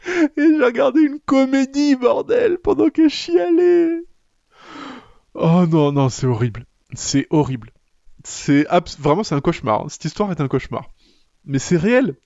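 Young guy ranting thru a funny confession, kinda high voice, swears a ton, dry dull mic. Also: no echo. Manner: animated, swears a lot, swings between loud outbursts and low muttering. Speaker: podcast host. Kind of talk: comic confessional storytelling.

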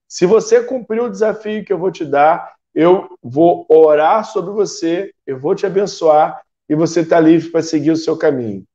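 A man voicing a calm, patient pastor giving a challenge. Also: a little high, a little slow, few pauses, highs cut off, close to an everyday voice.

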